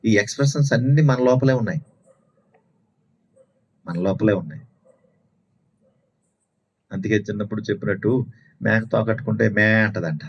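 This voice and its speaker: Man, lowish voice, sermon, rhetorical questions, repetitive, dull recording. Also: normal speed, gravelly, pauses often, a little hiss or hum. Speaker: preacher at a Sunday house meeting.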